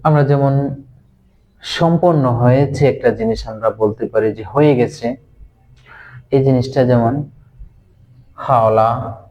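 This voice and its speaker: A man teaching a language class casually, repeating words slowly as he drills them. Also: mid-range voice, a little mellow, highs cut off. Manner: slow and repetitive, drilling words.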